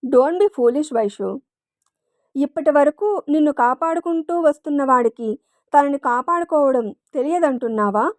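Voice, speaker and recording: A caring middle-aged father who gently questions his daughter, as the woman narrator puts him on. He sounds patient and protective. The high voice is close and dry. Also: animated, measured pace, dry recording.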